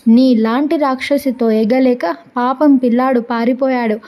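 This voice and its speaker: A woman's voice: high voice, fairly even intonation, unhurried, dark tone. A woman voicing a nosy older neighbour auntie who pries and scolds in a storybook reading. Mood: scolding. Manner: prying and scolding.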